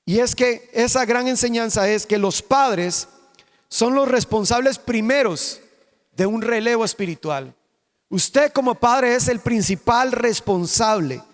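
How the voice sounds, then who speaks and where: High-voiced emphatic male pastor preaching. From Costa Rica. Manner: emphatic, rhetorical questions, drawn-out stresses. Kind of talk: sermon. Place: church sanctuary. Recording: reverberant church hall.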